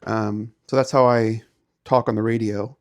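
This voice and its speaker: A man hosts a relaxed walk-through, explaining things in a plain way as he moves from outside a house into a garage and small radio room; he's an amateur radio hobbyist. His low voice is flat and unhurried, with no echo.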